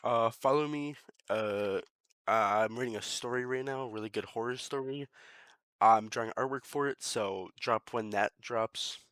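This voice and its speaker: A man's voice: medium pitch, moderate pace, fairly bright tone, no echo, clean studio sound. A man hosting a casual movie review chat, easygoing and rambling, with lots of fillers and restarts.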